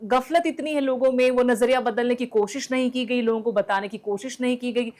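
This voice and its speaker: A woman hosting an interview, speaking calmly and backing her guest with short agreements. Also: a little high, fairly quick. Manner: calm, brief affirmations. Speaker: interviewer host. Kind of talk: casual interview chat.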